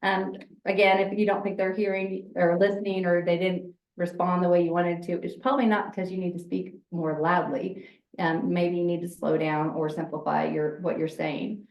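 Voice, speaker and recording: A woman with a fairly low voice runs an informal, relaxed workshop, speaking loudly and chattily at normal speed and laughing often. She seems a little distant from the mic in an echoey room, and the sound is slightly dull.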